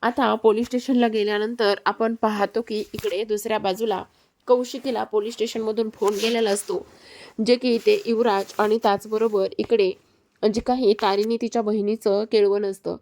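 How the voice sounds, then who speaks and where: Gravelly-voiced woman retelling a serial. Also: mid-range voice, normal speed. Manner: steady retelling with frequent fillers. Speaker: TV serial recap narrator. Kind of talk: storytelling recap of a TV serial.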